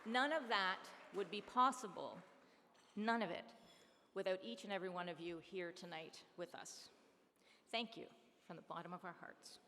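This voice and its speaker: A woman's voice: fairly low pitch, sharp tone, a faint crowd. Woman calling a charity auction in a hall. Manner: brisk number calling, upbeat and coaxing. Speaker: charity auctioneer and fundraiser host. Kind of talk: live auction calling and fundraising appeal. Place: large hall at an awards dinner. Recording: long reverb hall, faint room noise.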